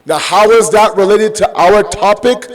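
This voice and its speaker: Preaching at a measured pace, this high-voiced man keeps things conversational yet emphatic, asking rhetorical questions and acting out dialogue to illustrate everyday examples. His English is sprinkled with Urdu and Arabic phrases.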